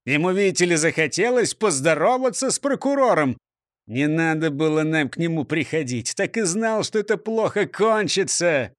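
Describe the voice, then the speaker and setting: A man's voice: a little high, lively intonation, normal speed, no room sound, clean studio sound, close to an everyday voice. A man voicing a grumpy robber chief who hisses and grumbles. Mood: grumbling. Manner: hissing, grumbling.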